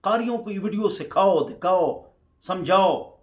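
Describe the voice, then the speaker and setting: A middle-aged man, a mufti and religious teacher from Pakistan, giving exhortative religious advice and slowly drawing out sounds to demonstrate them. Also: sits high, lively intonation. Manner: exhortative, drawn-out letter demonstrations.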